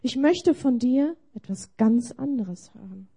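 A kind and gentle Jesus, voiced by a woman preacher speaks softly and tenderly. The voice is low-key and mellow, with a gravelly edge, and the pace is unhurried. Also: animated, heavily acted.

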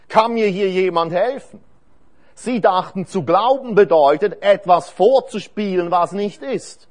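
Male preacher, sermon, earnest and emphatic, slightly high voice, reads scripture aloud. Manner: emphatic, repeats phrases for stress.

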